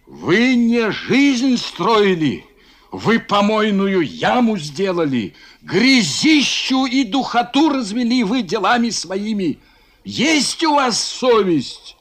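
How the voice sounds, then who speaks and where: A man voicing a drunken young merchant who jeers at the other merchants and shouts his accusations. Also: mid-range voice, lively intonation, measured pace, hardly any pauses, voice pushed down. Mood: denouncing. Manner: shouting, jeering with laughter.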